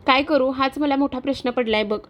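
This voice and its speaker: A woman's voice: high voice, fairly even intonation, brisk, close to an everyday voice. A woman voicing a feverish, homesick young village girl with rustic, tearful speech in a retold TV serial.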